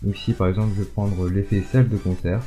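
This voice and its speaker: Man, lowish pitch, dark soft tone, hesitant tutorial presenter, faint music behind. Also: steady tone, fast talker. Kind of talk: step-by-step software tutorial. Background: background music.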